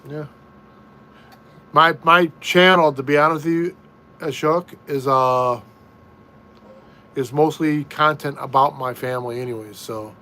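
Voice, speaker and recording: With a fairly high, bright, and forceful voice, a middle-aged American man runs an easygoing home live stream. He reads viewer comments slowly, repeats himself, and keeps restarting his sentences.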